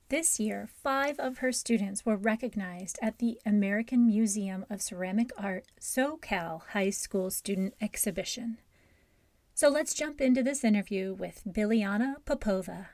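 A woman's voice: a little high, no echo. A woman hosting a podcast for teachers and interviewing a guest in a conversational way. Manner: warm conversational questioning with fillers. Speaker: podcast host.

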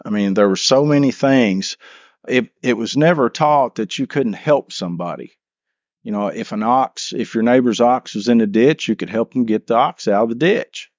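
A man's voice: mid-range voice, no room sound, lo-fi sound. A man leading a church Bible class, reading scripture and then explaining it, often restarting and repeating words as he asks the class questions.

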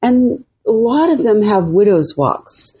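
A woman's voice: medium pitch, big pitch swings, takes it slowly, warm tone, breathy edge. A middle-aged woman co-hosting a podcast, chatting casually and retelling a friend's spooky story with easy laughs. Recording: muffled lo-fi podcast audio.

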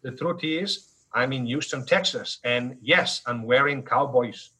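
A man in his fifties from northern Italy with an Italian accent, telling stories as an interview guest in an animated, joking way with many fillers. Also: medium pitch, unhurried, breathy edge, rough recording. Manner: animated, jokey storyteller with frequent fillers. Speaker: guest, business school dean. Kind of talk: casual interview storytelling.

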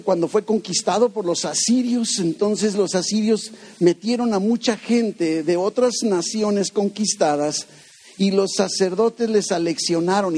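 A man's voice: high voice, mellow. A man preaching a conversational sermon, asking rhetorical questions and acting out the voices he quotes. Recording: long hall reverb.

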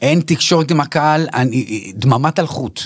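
A man's voice: fairly high pitch, lively intonation, slight background noise. A middle-aged man, hosting a casual interview and pressing his guest with eager questions. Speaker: interview host.

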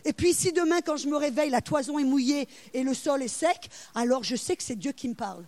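A woman's voice: high-pitched, brisk, darkish tone. A woman preacher voicing a fearful man who hesitantly doubts and asks for proof. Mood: timid. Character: timid, doubting man asking God for a sign.

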